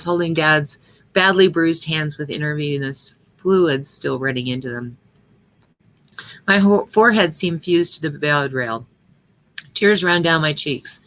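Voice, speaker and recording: Woman, middle-aged, low voice, earnest storyteller, memorial service reading, lightly acted dialogue. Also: fairly bright tone. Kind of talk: reading a personal story aloud, then reflecting.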